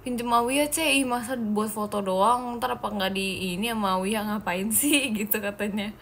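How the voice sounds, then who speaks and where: Bright, playful young woman. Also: medium pitch, fairly even intonation, normal speed, a little hiss or hum. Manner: playful, giggly, teasing, addresses viewers as "guys". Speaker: idol live-streamer. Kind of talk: casual live-stream chat reading comments.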